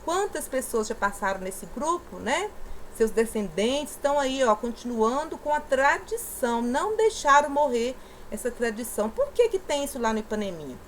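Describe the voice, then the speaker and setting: A woman's voice: a little high, sing-song, moderate pace, slight background noise, poor audio. Patient woman teacher stressing syllables. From southeastern Brazil. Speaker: primary school teacher. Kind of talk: recorded lesson explanation.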